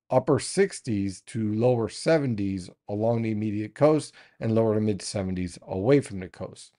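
Speaking to camera in his compact home studio, a thirtysomething man presents the weather with a calm, steady delivery aimed right at his audience. A desk microphone captures his medium-pitched voice.

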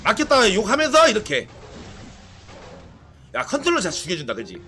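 A man streaming a game live, excitable and trash-talking, swearing and bursting into shouts during fights. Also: high voice, normal speed, soft background music. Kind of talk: live game-play commentary.

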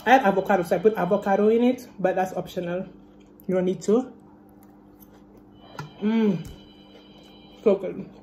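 A woman's voice: mid-range voice, fairly even intonation, normal speed, long pauses, warm tone. Chatty young woman vlogging on a phone. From Saint Lucia. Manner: chatty, upbeat, says "literally" and "like" often. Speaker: medical student vlogger. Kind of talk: casual vlog chat. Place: stadium, kitchen, hospital hallway and lab. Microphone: phone camera at arm's length. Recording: phone vlog with clear background noise.

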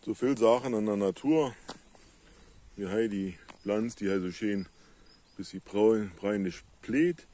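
Guy w a moselle franconian dialect walking outside explaining plants, kinda low voice, faint outdoor noise, slow halting talk. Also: mellow. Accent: Moselle Franconian dialect of the Saar-Moselle area. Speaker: local nature video maker. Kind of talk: casual explanatory nature walk. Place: outdoors in the countryside.

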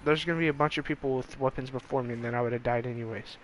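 A man's voice: mid-range voice, a little hiss or hum, rough recording. A man chatting casually with friends during a late-night game, joking and laughing easily. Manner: joking, excitable, quick to laugh. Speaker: gamer on a stream. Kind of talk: casual gaming chat with friends.

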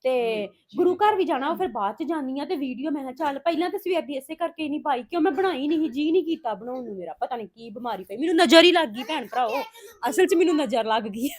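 Casting: Punjabi woman, family vlogger, higher-pitched voice, plaintive and homely, rambling casual chat to viewers. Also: expressive, fast talker. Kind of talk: casual chatty home vlog.

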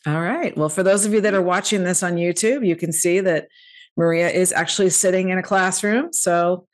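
Speaking at a moderate pace in a somewhat low voice, a middle-aged podcast host runs a cheerful interview. She's on a video call indoors, at home or an office, using a headset and desk microphone.

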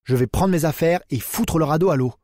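Narrator playing a defiant young man, higher pitch, loud and quick, audiobook. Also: dry recording, studio quality, lightly acted. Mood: angry. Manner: agitated, defiant, raised voice. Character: nervous, angry young male engineer.

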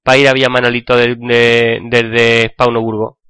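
Hoarse guy from spain doing game commentary, chatty, joking, dry close mic. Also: mid-range voice, level tone, normal speed, bright, forceful tone, no room sound. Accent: Spain Spanish. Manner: chatty, joking, talking to viewers while playing. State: hoarse from a cold. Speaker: gaming channel host. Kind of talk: gameplay commentary.

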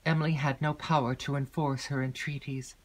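A woman narrating a classic gothic novel as an audiobook, in a measured, even storytelling manner. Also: very deep voice.

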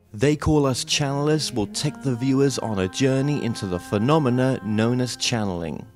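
A man's voice: medium pitch, darkish tone. A man narrates a documentary series with an earnest, questioning tone, in a mid-range voice. Faint music runs underneath the voice-over.

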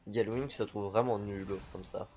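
A man streaming a card game, talking casually through his moves in a relaxed, rambling way with lots of fillers. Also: on the low side, normal speed, a little hiss or hum. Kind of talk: casual gameplay commentary.

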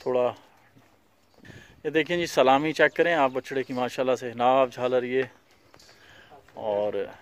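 Showing off cattle for sale in a dusty farmyard, a male farm owner from Pakistan speaks in a clear, resonant, mid-range voice with fairly even intonation. He's a little slow with long pauses, plainly repeating each animal's features in this casual vlog walkthrough.

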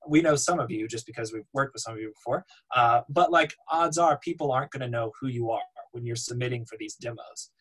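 A man's voice: medium pitch, fast, few pauses, slightly rough, poor audio. Casual man teaching over webcam. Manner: relaxed, explanatory, frequent ums and uhs. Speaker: voiceover demo producer. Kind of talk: webinar teaching. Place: home room, indoors. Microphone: webcam on video call.

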